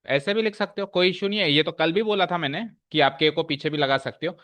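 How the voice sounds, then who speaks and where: A male maths teacher explaining a lesson step by step to his class, often checking in with quick questions. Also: fairly high pitch, a bit bright.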